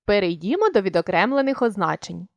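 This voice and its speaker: A woman gives a grammar lesson and speaks with a lively, rising and falling intonation. She sets out each rule clearly and deliberately and stresses her example words. The sound is dry and close, with no room behind her. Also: mid-range voice, no room sound. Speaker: teacher.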